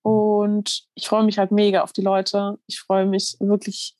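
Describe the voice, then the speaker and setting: A slightly hoarse woman with a middle-pitched voice speaks unhurriedly as a musician guest in a relaxed, casual interview. She's earnest, with lots of fillers and restarts, and her voice sounds dry and close with no echo.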